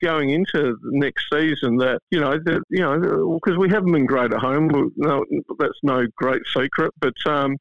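A man with an Australian accent chatting casually about sport as a guest pundit, in a halting way with many "you knows". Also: a little high, vocal fry, no echo. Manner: halting, full of "you know". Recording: dull, band-limited radio-like sound.

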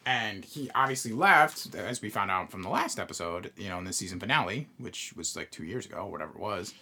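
A man's voice: lowish voice, animated, fairly quick, bright, forceful tone, slightly rough. A man co-hosting a podcast, explaining at length in casual chat and swearing now and then. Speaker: podcast co-host.

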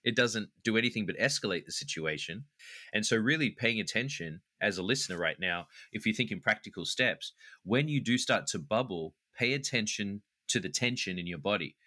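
A man's voice: on the low side, expressive, a little fast, pushed and bright, no echo. A man co-hosting a faith talk, reflective and practical as he talks through how to handle anger. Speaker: podcast co-host. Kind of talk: faith-based conversational talk.

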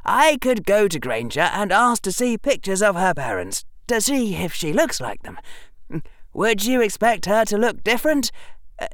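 A reader voicing an earnest young wizard boy who lectures and persuades in a high, pushed-up voice. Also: sing-song, normal speed, fairly bright tone, dry recording, clean studio sound. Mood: persuasive. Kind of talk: audiobook character reading.

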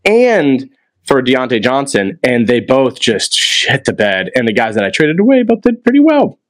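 A man's voice: medium pitch, wildly swooping pitch, moderate pace, no echo. A young man co-hosting a fantasy football podcast, ranting and swearing in casual chat. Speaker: podcast co-host.

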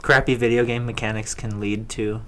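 A man's voice: lowish voice, level tone, moderate pace, a bit bright. A man speaking as a guest in a casual, improvised way, often searching for his words. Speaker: guest pitching game ideas. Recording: clear background noise.

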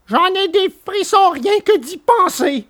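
A man voicing a small frightened wooden puppet boy in a storybook reading, with a shrill, trembling voice. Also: slow. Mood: shaken.

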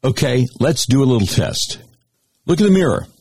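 A man with an American accent and a husky voice, hosting talk radio in a folksy, deliberate, emphatic way with dramatic pauses. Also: mid-range voice, sing-song, a little mellow, dry recording, clean studio sound. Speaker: radio talk show host. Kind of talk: talk radio monologue with live-read sponsor spots.

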